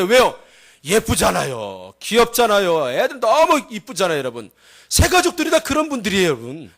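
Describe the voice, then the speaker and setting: A pastor delivers a Sunday sermon in a high voice. He swings from loud, emphatic lines to low, quiet asides. He drives his points home and calls out to the congregation. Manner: acts out story voices with a raised pitch.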